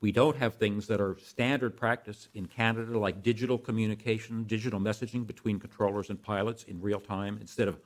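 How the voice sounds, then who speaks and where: As an expert guest in an interview, an older American man gives halting explanations full of self-corrections, his lowish voice keeping a steady tone.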